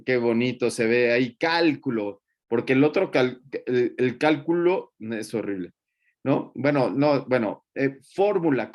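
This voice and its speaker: Joking man giving class feedback. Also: medium pitch. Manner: colloquial and joking, with many fillers. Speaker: teacher. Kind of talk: classroom feedback on student presentations.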